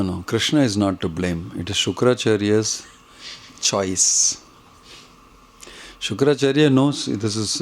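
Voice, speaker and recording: Low-pitched Indian-accented man teaching devotion. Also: darkish tone. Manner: didactic, emphatic, mixing in Hindi phrases. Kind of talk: devotional lecture question and answer. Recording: clear background noise.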